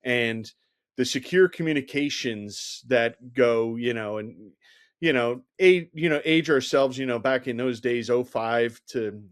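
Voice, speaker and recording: A man's voice: mid-range voice, unhurried. A middle-aged man, a former Secret Service agent, telling stories as a guest in a conversational interview, leaning on "you know" and acting out the dialogue. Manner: animated anecdotal telling, heavy use of "you know", acts out quoted dialogue.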